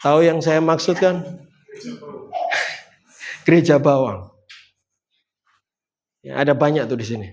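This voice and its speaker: A man's voice: a little high, takes it slowly, pauses often, a little mellow, muffled recording. A man preaching a sermon, speaking with rising emphasis and putting direct questions to the congregation.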